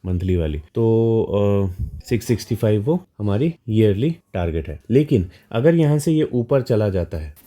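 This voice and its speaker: A man's voice: on the low side, animated, unhurried, dark tone. A man with an Indian accent walking through a stock chart in a casual, explanatory way, often checking in with his listeners. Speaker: stock market educator.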